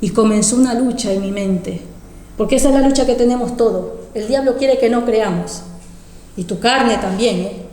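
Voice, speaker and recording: In an echoey church hall, a woman preacher gives an emotional personal testimony during a sermon, repeating phrases and calling out to the congregation, who answer with amens. Her voice is fairly high and warm, at a normal speed.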